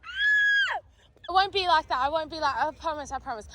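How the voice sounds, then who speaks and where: A young woman chatting excitedly with friends at a festival, giggly and swearing casually, sneezy as she talks, filmed on a phone outdoors. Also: high voice, rapid-fire. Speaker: vlogger with friends. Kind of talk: casual chat. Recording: phone video at a noisy outdoor fair. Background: loud music and crowd.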